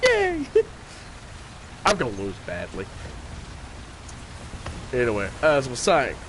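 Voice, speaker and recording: A man's voice: mid-range voice, big pitch swings, slow pace, noisy background. A man streaming a game and chatting casually, rambling, repeating himself and laughing often. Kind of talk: casual gameplay commentary.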